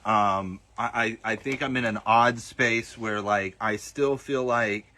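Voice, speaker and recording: Here a livestream host from the Southern United States, accent light and partly masked, works through viewer comments in a loose, hesitant way, often restarting and using fillers. His mid-range voice holds a steady tone, slow, bright and forceful.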